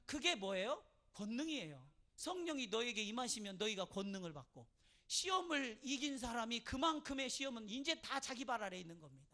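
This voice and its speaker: A male pastor delivers a sermon in church, his voice bright and pushing forward. He tells stories quietly, then swells into loud preaching. He draws the congregation in with repeated calls for an amen. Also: very high voice, big pitch swings, a little fast. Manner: call-and-response, asking the congregation for amen; moves from soft storytelling to loud preaching.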